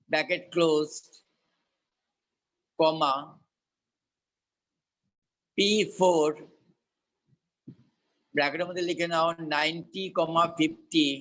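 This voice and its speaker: A man's voice: a little high, fairly bright tone, rough recording. A male teacher with a Bengali accent dictating to a class word by word, repeating and spelling things out.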